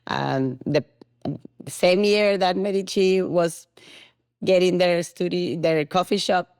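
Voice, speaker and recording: A woman's voice: fairly low pitch, slow, darkish tone, smooth, no room sound, clean studio sound. A middle-aged woman from Argentina with an Argentine accent, a podcast guest talking casually and laughing often, with many "you know" fillers. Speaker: guest, tango studio founder.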